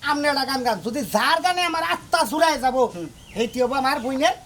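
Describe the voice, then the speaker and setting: A woman's voice: high-pitched, fast talker, fairly bright tone, slight background noise. A woman playing an outspoken village sister-in-law in a rustic comedy, scolding and lecturing. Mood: bossy. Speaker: sister-in-law arranging song lessons.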